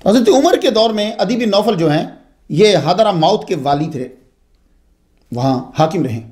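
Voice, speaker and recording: A man's voice: sits high, moderate pace. A man giving a religious history lecture, telling it expressively with frequent asides. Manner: expressive, digressive storytelling with asides.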